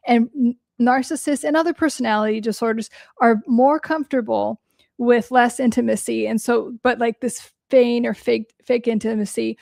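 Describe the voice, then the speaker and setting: Woman livestream host, gravelly higher voice, dry close sound, blunt and swearing, voice a bit worn. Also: normal speed, no echo. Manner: blunt, animated, swears freely. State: voice cracking a little from talking all day. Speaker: therapist answering viewer questions on a livestream. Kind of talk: casual livestream talk.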